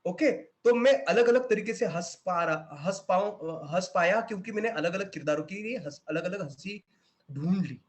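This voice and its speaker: An animated man with an Indian accent runs a children's acting class over a video call, acting out laughs as he teaches. His voice sits fairly high for a man and stays lively. The sound has the closeness of a home video-call mic. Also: normal speed. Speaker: acting teacher at an online kids' camp. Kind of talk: online class, mixing Hindi and English.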